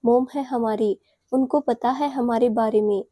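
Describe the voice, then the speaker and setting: A woman's voice: a little high, fairly even intonation, a little slow, mellow, dry recording, clean studio sound. A woman voicing a playful, loving young man who teases his fiancée in an audio story. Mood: teasing. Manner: teasing, affectionate.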